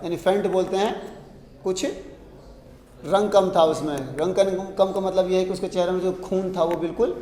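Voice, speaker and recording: A man teaching a story chapter. He reads English lines slowly and then explains them in Hindi. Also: high voice, warm tone. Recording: echoey room with long reverb.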